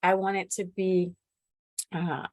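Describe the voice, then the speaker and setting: A woman's voice: fairly low pitch, flat delivery, slow pace, a little mellow, dry recording. Woman hosting, dry close sound. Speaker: host. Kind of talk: conversational meeting hosting.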